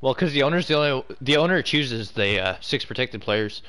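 A man's voice: mid-range voice, lively intonation, brisk, bright, forceful tone, clear, resonant tone, soft background music, low-quality recording. A young man in casual gaming chat, trading crude, sweary banter. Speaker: online hockey game player.

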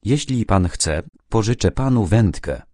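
A man's voice: on the low side, lively intonation, a little slow, mellow, no echo, studio quality, pitched above the performer's own voice. A man voicing a pompous, self-important middle-aged angler who lectures everyone about fishing. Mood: lecturing. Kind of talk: audiobook character reading.

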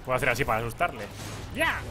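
A man's voice: mid-range voice, huge pitch swings, racing. A young man from Spain with a Spanish accent, chatting casually over his gameplay, laughing and swearing at the lag. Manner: laughing, swearing, mock pleading at the game. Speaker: gaming YouTuber. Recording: faint music behind.

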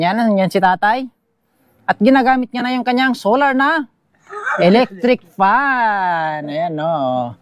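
Holding an action camera, a man with a Filipino accent and a slightly high voice gives a casual walk-through of a small outdoor bamboo house. He chats with his viewers, repeatedly calls them "guys," and points out features along the way.

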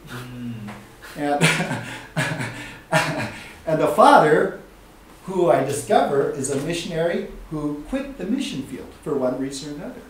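A man teaching a group through a personal story, slipping into the voices of the people he describes. His voice sits a little high and moves a lot. He is recorded from a distance in a very echoey room with a faint hiss underneath. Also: takes it slowly. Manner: acts out quoted dialogue with lively swings in pitch. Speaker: teacher leading a ministry training session. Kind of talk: animated storytelling lesson.

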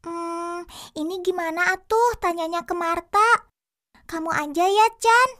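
A very high, bright little girl's voice in a children's TV drama. She is a shy schoolgirl with a Sundanese lilt. She speaks slowly and hesitantly, like a young child. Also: full character voice.

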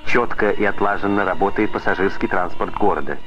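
A man reading formal narration for an old 1980s newsreel in a measured announcer manner. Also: low voice, a bit bright. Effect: old 1980s newsreel soundtrack. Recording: dull lo-fi film sound with faint music.

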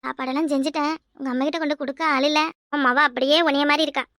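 Woman voicing outspoken daughter-in-law, blunt, high and quick, southern Tamil Nadu village accent, cartoon. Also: steady tone, no room sound, clean studio sound. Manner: loud and blunt. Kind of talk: cartoon voice acting.

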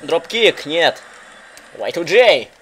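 A man calling a wrestling video game like an excitable commentator, in short bursts full of exclamations. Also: on the high side, takes it slowly, slight background noise. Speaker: gaming commentator.

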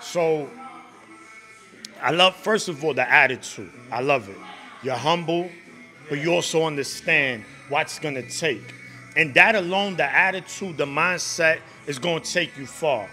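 A man hosts an interview in a boxing gym, coaxing his guest with upbeat praise and frequent "right?" tags. His voice is very bright and sharp, and slightly higher than average for a man. He holds a handheld mic. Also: a little slow, faint music behind. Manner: hyped, encouraging, repeats "right?". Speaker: interviewer, host. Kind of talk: casual interview questions. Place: boxing gym beside a ring, indoors.

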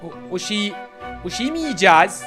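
A man's voice: sits high, sing-song, normal speed, a bit bright, soft background music, pitched above the performer's own voice. A man doing a sweet little ghost puppy girl. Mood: whiny. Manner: pleading, childlike, calls him daddy. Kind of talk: voiced gameplay role-play.

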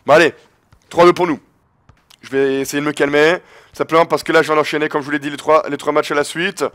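A man hosting his channel gives excited, fast live commentary over a basketball video game in a slightly high voice worn from shouting. He breaks into triumphant yells.

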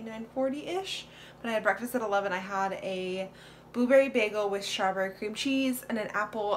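Young woman vlogger, chatty and rambling, phone mic in a home kitchen with faint hiss. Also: mid-range voice. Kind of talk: casual vlog chat. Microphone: phone camera.

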